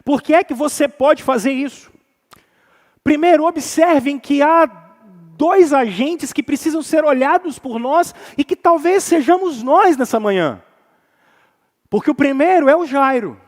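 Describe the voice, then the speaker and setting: A man's voice: extremely high pitch, expressive, measured pace, in a large hall. A Brazilian man preaching a casual sermon as pastor, talking informally and addressing the congregation directly with everyday slang. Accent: Brazilian Portuguese. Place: church sanctuary.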